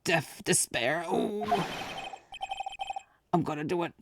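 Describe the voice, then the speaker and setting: Man hamming up a high, wailing, hopeless young guy. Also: expressive, very noisy. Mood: despairing. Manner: deliberately bad, hammy overacting. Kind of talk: amateur video game voice-over. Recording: loud music under voice.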